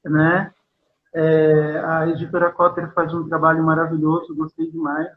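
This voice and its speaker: A man's voice: a little high, completely flat delivery, normal speed. A man from São Paulo with a Paulistano accent, a poet being interviewed over a video call, speaking hesitantly with many fillers and tag questions. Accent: Paulistano Brazilian Portuguese. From São Paulo, Brazil. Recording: tinny phone-like call audio.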